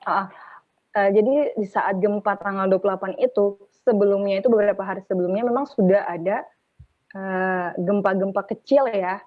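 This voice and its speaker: A young woman from Palu, guesting on a podcast and telling her story in long, animated, run-on sentences. Her voice comes through a narrow, tinny phone-like line. The sound is completely dry, with no room echo. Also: mid-range voice, normal speed. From Palu, Central Sulawesi, Indonesia. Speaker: radio announcer and podcast guest. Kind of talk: casual interview storytelling.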